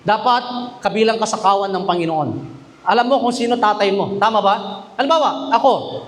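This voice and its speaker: A man preaching a sermon as pastor, mixing English and Tagalog and often asking the congregation questions. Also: high voice. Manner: mixes English and Tagalog, often asks the congregation questions, reads verses slowly. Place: church chapel.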